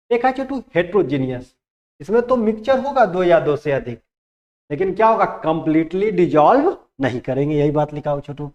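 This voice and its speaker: High-voiced Hindi chemistry teacher, lo-fi. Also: male voice, a little mellow. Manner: asks questions and answers them himself; mixes Hindi and English terms. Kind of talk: classroom lecture.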